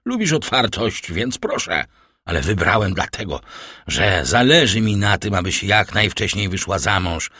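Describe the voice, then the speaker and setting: A man's voice: fairly low pitch, animated, normal speed, sharp tone, husky, no room sound, studio quality, full character voice. A man voicing a cold, scheming middle-aged banker who lectures his daughter with sarcastic irony. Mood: stern lecturing. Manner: stern, ironic, lecturing. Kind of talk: audiobook character voicing.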